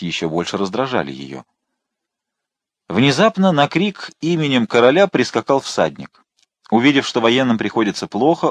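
Male narrator, dramatic storybook reading, animated delivery, dry booth sound. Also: fairly low pitch, no room sound. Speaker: audiobook narrator. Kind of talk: scripted narration.

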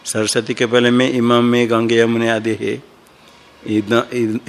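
Teaching Sanskrit grammar, this man works through a slow classroom explanation, frequently stopping to repeat himself and fix mistakes as he thinks aloud. He has a medium-pitched voice.

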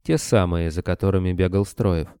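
A man's voice: low voice, moderate pace, smooth, dry recording. A man voicing a grim, deathless monster hunter who speaks dryly and tersely. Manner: dry, calm, terse.

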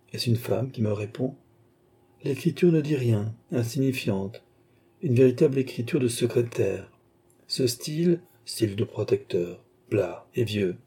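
A man's voice: medium pitch, dark tone, husky. A man voicing a haughty, greedy noble countess who speaks with imperious disdain. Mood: musing.

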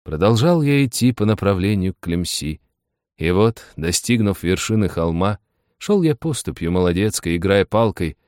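A man narrating an audiobook, telling the story with lively, expressive delivery. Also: sits low, moderate pace, no room sound, clean studio sound. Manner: lively storytelling with voiced asides.

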